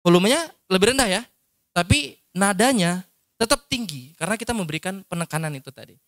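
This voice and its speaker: A man's voice: high voice, expressive, fairly quick, a bit bright, no echo, studio quality. Casual male workshop lecturer. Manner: explanatory, casual, demonstrates tones with his voice. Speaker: Islamic preacher teaching public speaking. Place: training session at an Islamic school.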